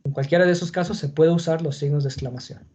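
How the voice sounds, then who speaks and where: A man teaches an online class on Spanish punctuation, speaking fast in a slightly high, darkish voice with fairly even intonation. He explains patiently and checks in with his students.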